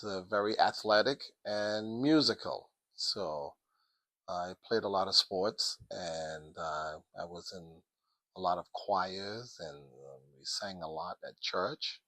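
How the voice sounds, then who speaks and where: Middle-aged man from the Caribbean, interview guest, unhurried and low, close dry mic. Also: fairly bright tone, dry recording. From Sint Maarten, Dutch Caribbean. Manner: slow, measured, with frequent ums. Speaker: interview guest, math teacher. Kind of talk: casual interview.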